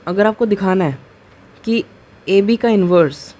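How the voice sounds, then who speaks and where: A man's voice: high-pitched, darkish tone. Patient man lecturing step by step. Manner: keeps asking rhetorical questions and checking with "ok?"; patient and step-by-step, slowing on key terms. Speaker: maths teacher. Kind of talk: board lecture explaining a proof.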